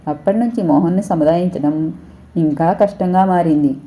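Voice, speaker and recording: Dark mellow woman storyteller. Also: fairly low pitch, moderate pace. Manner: steady, even narration. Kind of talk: reading a story aloud.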